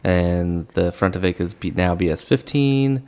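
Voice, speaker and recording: A man co-hosting a podcast, relaxed and agreeable, talking through game strategy with lots of "like" and "mm-hmm". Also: deep voice, measured pace, smooth. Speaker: podcast co-host. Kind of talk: casual tabletop game chat.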